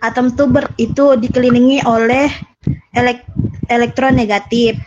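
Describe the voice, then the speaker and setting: A woman's voice: a little high, steady tone. Woman student on a breaking-up call. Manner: hesitant, halting answer. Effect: online call audio breaking up and cutting out. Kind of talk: answering in an online class. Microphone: video call. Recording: dull, noisy, distant call audio.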